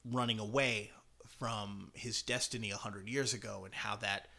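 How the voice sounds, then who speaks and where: A man hosting a podcast alone with casual commentary, talking in a halting way as he thinks aloud. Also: lowish voice, steady tone, creaky, sharp tone. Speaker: podcast host.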